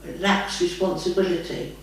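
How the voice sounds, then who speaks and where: A trance medium with a lowish voice and little pitch movement speaks at normal speed, answering questions in a rambling, homely manner and calling the listener "lovey." The session is casual spiritual guidance, recorded far from the mic in a very echoey room.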